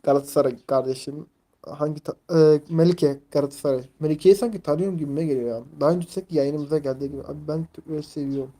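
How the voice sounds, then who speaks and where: A man's voice: on the high side, fairly even intonation, quick pace, mellow. A man in his twenties chatting casually on a live stream, rambling, leaning heavily on fillers and reading viewers' messages aloud. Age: 20s. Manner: rambling, filler-heavy, reads chat aloud.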